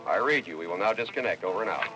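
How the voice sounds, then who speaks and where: An actor playing a gang member talking in clipped radio procedure over a walkie-talkie. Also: male voice, low voice, expressive, very fast. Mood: brisk. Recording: muffled film sound with music score.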